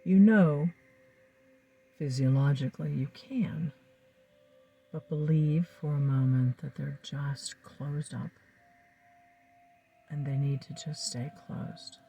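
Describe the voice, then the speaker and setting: A hypnotist leading a calm guided induction, with soft, breathy, soothing speech and slow phrases broken by lingering pauses. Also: mid-range voice, faint music behind.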